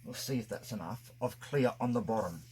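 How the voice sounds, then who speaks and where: A craft video host talks through a casual hands-on tutorial step by step, his mid-range voice brisk and a little mellow but muffled by a face mask. There's a faint hiss or hum under the recording.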